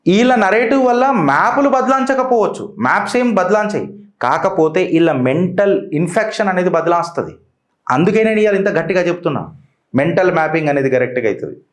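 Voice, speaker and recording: A man with a Telangana Telugu accent delivers heated political commentary in a fairly high voice. He mocks his targets and keeps throwing rhetorical questions at his listeners. The room around him rings with echo. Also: animated, a little fast. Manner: mocking, rhetorical questions to the audience.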